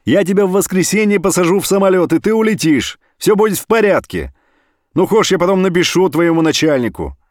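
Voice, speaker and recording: A man's voice: a little high, very animated, moderate pace, dry recording, clean studio sound, voice pushed up. A man doing a frantic pleading father. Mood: pleading loudly. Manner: pleading, shouting down a phone line. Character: anxious desperate middle-aged father.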